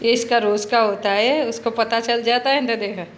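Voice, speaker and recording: A woman's voice: on the high side, fairly even intonation, normal speed, a little hiss or hum. A woman narrating her day at home in a chatty family vlog, coaxing her pet now and then. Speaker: family vlogger.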